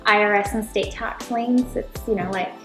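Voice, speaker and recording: In a roomy, echoing space with music underneath, a middle-aged American woman representing title insurance is interviewed as a guest. Her medium-pitched voice holds fairly even intonation at a moderate pace. She explains casually and chattily, regularly tossing in "right?" and "you know."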